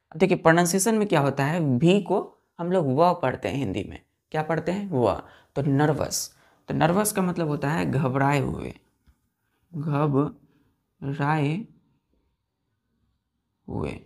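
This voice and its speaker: Her low, creaky, somewhat mellow voice carries an Indian accent as she runs a classroom vocabulary lesson in English. She spells every word one letter at a time and asks her students the same questions repeatedly.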